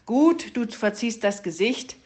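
A woman reading a storybook and voicing a fussy, scholarly male raven who croaks "Kra" at the end of his sentences. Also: on the high side, lively intonation, a little slow, darkish tone, pitched above the performer's own voice.

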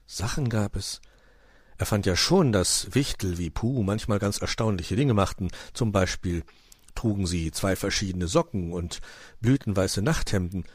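A man narrating a children's story in a lively, expressive way. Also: deep voice, unhurried, slightly rough, no room sound, studio quality.

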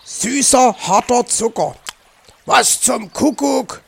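Man reading a cranky, penny-pinching fox uncle for a kids' audiobook, high, creaky grumble. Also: slow pace, very noisy, full character voice. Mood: grumbling. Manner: grumbling, indignant. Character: grumpy stingy male fox uncle. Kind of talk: children's audiobook.

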